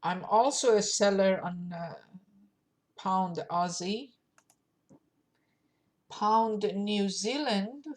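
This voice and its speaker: A woman's voice: mid-range voice, very slow, pauses often, darkish tone. A woman with a cold and a nasal voice, hosting a forex channel and walking through currency charts, thinking aloud. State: has a cold. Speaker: forex trading channel host. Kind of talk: casual market forecast walkthrough.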